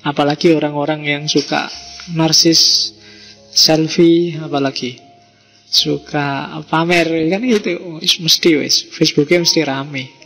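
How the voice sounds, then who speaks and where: A man's voice: a little high, fairly even intonation, unhurried, creaky, sharp tone. Javanese-accented man lecturing in an echoey hall. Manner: conversational, teasing, mixes in local slang, rhetorical questions. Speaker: lecturer on philosophy. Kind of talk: casual lecture to a live audience. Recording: hall reverb with faint music.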